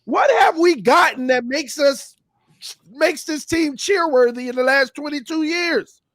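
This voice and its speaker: A man hosting a fan talk show, fired up and shouting as he rants. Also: extremely high pitch, a little slow, dry recording, studio quality. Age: 30s. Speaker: fan channel host.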